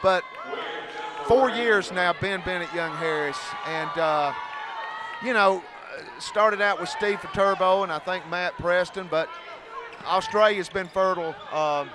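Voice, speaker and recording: A man's voice: sits high, a little slow. A man with an Appalachian accent and a folksy manner, working as a sports announcer doing commentary and courtside interviews. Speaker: radio play-by-play announcer, host. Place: indoor basketball gym during a game. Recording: noisy gym with crowd and bouncing balls.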